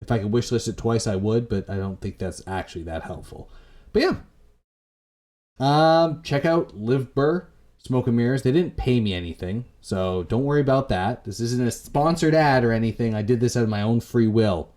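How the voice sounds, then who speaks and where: With a medium-pitched, darkish voice at normal speed, this Canadian man casually narrates a video game playthrough he's hosting, set against atmospheric game music.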